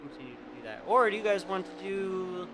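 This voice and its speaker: A man's voice: high-pitched, expressive, fairly quick. Man giving casual sim racing commentary. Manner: chatty, talks directly to stream chat. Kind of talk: casual live race commentary. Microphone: home streaming mic. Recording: game car engine noise behind voice. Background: racing game engine and track sounds.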